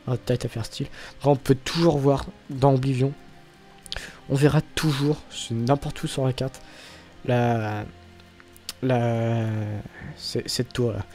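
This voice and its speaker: Mellow-voiced young man rambling through a game. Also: medium pitch, fairly even intonation, slow pace, faint music behind. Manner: rambling, swears often, trails off with "bref". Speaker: gaming channel host. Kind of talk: casual let's-play commentary.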